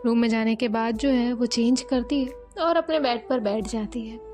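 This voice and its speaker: A woman's voice: fairly high pitch, steady tone, moderate pace, a little mellow, faint music behind. A woman narrating a romance story in a loose, chatty retelling with many repeated fillers.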